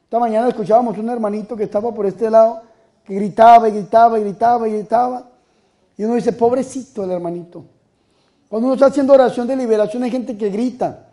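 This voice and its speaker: High-voiced fervent priest preaching. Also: male voice, quick pace. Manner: fervent, swings between loud outbursts and soft asides. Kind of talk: charismatic sermon.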